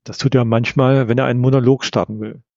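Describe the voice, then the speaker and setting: A man narrating a first-person audiobook in a measured storytelling manner. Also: medium pitch, steady tone, darkish tone, dry recording. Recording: dull, slightly lo-fi.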